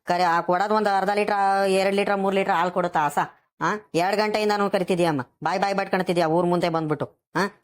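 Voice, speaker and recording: A woman's voice: fairly low pitch, lightly acted. A woman voicing a scolding old village grandfather. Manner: scolding, lecturing.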